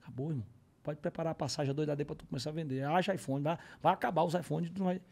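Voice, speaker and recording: A young man with a Ceará accent, a comedian telling an anecdote on a podcast in casual, animated style, acting out the voices of others. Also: fairly high pitch, racing. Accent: Northeastern Brazilian, Ceará. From Ceará, Brazil. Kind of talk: casual storytelling. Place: podcast studio.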